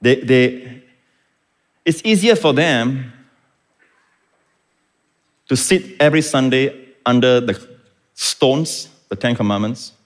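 A man preaching a sermon, teaching calmly and then rising to impassioned shouts. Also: medium pitch. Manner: teaching, explains Greek words. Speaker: pastor.

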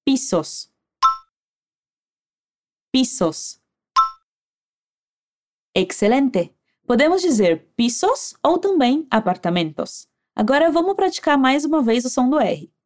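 A woman with a Brazilian Portuguese accent teaching Spanish, giving clear, encouraging instructions and modeling phrases slowly for the listener to repeat. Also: high-pitched, very animated, a little mellow. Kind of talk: language lesson narration with repeat drills.

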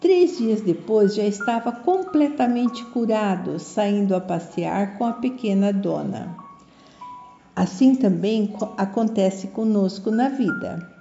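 An older Brazilian woman narrating a children's story in a gentle, teaching manner, as if to small children. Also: medium pitch, takes it slowly, creaky, muffled recording. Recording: echoey room, soft music behind.

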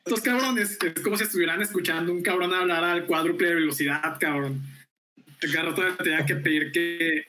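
A man from southern Mexico with a Mexican Spanish accent, chatting casually on a podcast, talking very fast and swearing freely. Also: fairly high pitch, steady tone, background noise. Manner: talks very fast, swears a lot. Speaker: podcast co-host. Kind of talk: casual chat.

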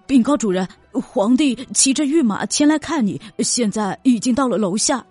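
A woman voicing a hurried male palace servant announcing news respectfully. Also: fairly high pitch, expressive, mellow, husky, no room sound, faint music behind. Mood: urgent. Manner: urgent, respectful reporting.

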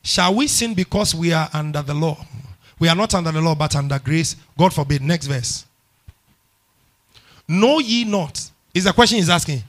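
A middle-aged man with a Ghanaian English accent preaching a sermon, repeating phrases and swinging from hushed to loud. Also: on the high side, expressive, normal speed. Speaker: pastor.

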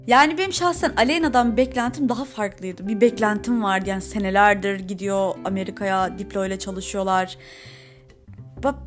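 A young woman hosting a podcast, giving chatty, opinionated pop-culture commentary and laughing often. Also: mid-range voice. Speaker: podcast host.

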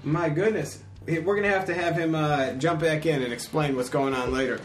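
Laid-back swearing man, slightly high voice. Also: normal speed, faint music behind. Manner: laid-back, profane, reads listener messages. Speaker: podcast co-host. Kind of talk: casual profane livestream chat.

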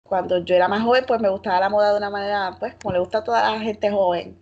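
A woman's voice: medium pitch, fairly even intonation, fast, a little mellow, dull audio. A woman in her thirties from Puerto Rico with a Puerto Rican Spanish accent, a guest talking reflectively in a casual interview, with lots of fillers and hedging. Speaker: guest, fashion blogger.

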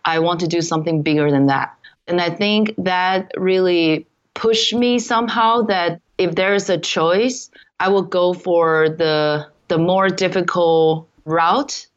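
A woman's voice: fairly low pitch, unhurried. Woman from Taiwan, earnest interview guest. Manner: earnest, reflective, non-native phrasing. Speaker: guest, entrepreneur. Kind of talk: interview answers. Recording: dull lo-fi audio.

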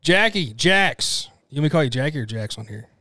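A man's voice: fairly high pitch, animated, brisk, sharp tone, no room sound, studio quality. A man, hosting a casual podcast chat, loose and profane, laughing easily. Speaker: podcast host. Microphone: headphones and studio mic.

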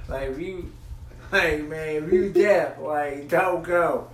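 A man's voice: fairly high pitch, slow, recorded from a distance. A man co-hosting a casual podcast, talking in a laid-back way and swearing casually. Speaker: podcast co-host. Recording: echoey room, away from the mic.

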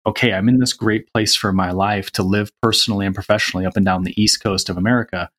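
Man, very deep voice, podcast guest, earnest reflective chat. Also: steady tone, fast, a bit bright. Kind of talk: casual conversation.

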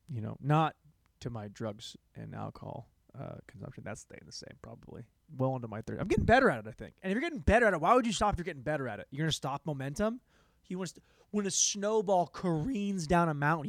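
A young man hosting a solo comedy podcast, rambling in a sarcastic, self-mocking way, jumping between loud bursts and mumbled asides. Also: on the high side, creaky, no room sound, clean studio sound. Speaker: podcast host.

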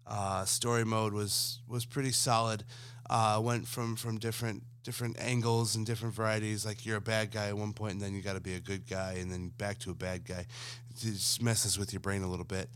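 A man's voice: on the low side, flat delivery, a little fast, a bit bright, a little hiss or hum. A young man co-hosting an entertainment podcast in casual chat, rambling easily with lots of fillers and hiccuping now and then. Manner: laid-back, rambling with many fillers. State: has the hiccups. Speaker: podcast co-host.

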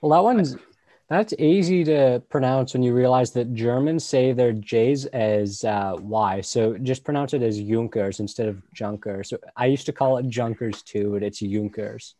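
A man's voice: mid-range voice, normal speed, warm tone, no echo. A young man talking casually in a group discussion, using lots of "like" and fillers. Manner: casual, filler-heavy, says "like" often.

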